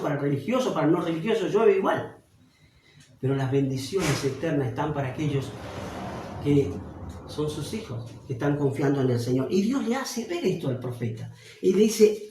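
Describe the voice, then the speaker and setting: Argentine male pastor, higher voice, preaching a Bible study, roomy distant sound. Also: a little mellow. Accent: Argentine Spanish. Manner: preaching, slows and swells on key phrases.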